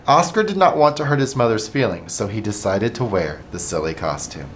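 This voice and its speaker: A middle-aged man, a school administrator, reading a picture book aloud to children in an animated, expressive way. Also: fairly low pitch, fairly quick, a little hiss or hum.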